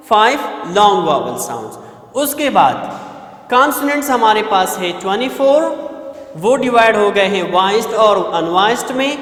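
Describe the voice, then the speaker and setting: A man's voice: high-pitched, a bit bright. A man teaching English vowel sounds, repeating each sound and example word several times and mixing English terms into his Hindustani speech. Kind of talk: slow explanatory phonetics lesson. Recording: echoey room with long reverb.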